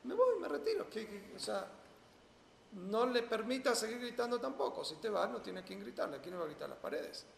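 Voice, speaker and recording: This is a man with a Rioplatense accent teaching a religious lesson, pitched high and heavy with gravelly fry. He keeps asking his listeners questions and answering them himself. The sound is an echoey hall with a long reverb tail and faint noise behind. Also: brisk. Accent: Rioplatense Spanish. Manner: poses rhetorical questions, then answers them emphatically. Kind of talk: Torah lesson to a small audience.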